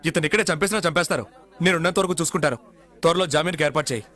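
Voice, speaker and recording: An actor playing a cheeky young con man in jail, teasing and quick with retorts in dubbed film dialogue. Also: a little high, sharp tone. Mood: boastful.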